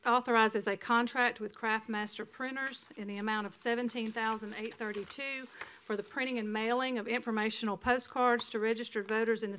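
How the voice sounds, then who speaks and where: A woman's voice: on the high side, a bit bright. A woman reading out agenda items formally as an official at a council meeting. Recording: clearly noisy meeting-room recording.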